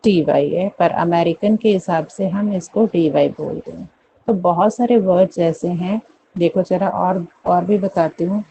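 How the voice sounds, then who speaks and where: A woman teacher from India with a low, mellow voice explains English pronunciation at an unhurried pace, drilling each word several times. The recording is dull and lo-fi, with faint noise behind her. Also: gravelly. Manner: repeats words slowly, checks in with "theek hai?". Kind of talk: classroom pronunciation lesson.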